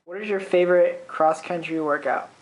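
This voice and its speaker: A woman with a notably deep voice asks short interview questions in a plain, direct way. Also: steady tone, normal speed, poor audio.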